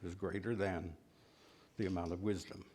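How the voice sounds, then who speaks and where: A man's voice: deep voice, fairly even intonation, moderate pace, a little mellow, a little hiss or hum. A man from West Virginia teaching a church Bible class in a folksy, self-deprecating way, asking the class questions.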